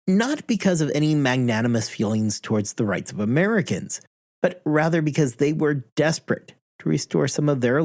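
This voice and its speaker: Animated man narrating history. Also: mid-range voice. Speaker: history podcast host.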